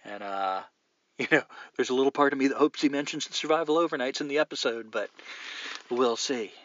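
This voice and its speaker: A man's voice: mid-range voice, brisk, fairly bright tone, dull audio, a little hiss or hum. A man hosting a casual solo podcast from a car, reading listener mail with a rambling, joking, profane manner. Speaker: podcast host.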